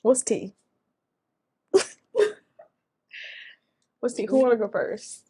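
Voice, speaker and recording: A young woman from California hosting a casual chat among friends, relaxed and quick to laugh, with loose slang. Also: on the high side, noisy background. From Inland Empire, California. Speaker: podcast host.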